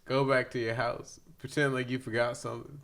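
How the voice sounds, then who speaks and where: Laughing young man, gravelly voice. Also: medium pitch, flat delivery, a little fast, fairly bright tone. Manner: laughing, rambling anecdote with slang. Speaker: guest. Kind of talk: casual storytelling.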